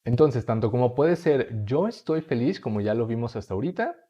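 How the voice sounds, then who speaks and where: Man with a Mexican Spanish accent as a patient language teacher, mellow tone, slightly dull recording. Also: mid-range voice, sing-song. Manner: patient, repeats phrases slowly for learners. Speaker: English teacher. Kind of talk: explaining lesson to viewer.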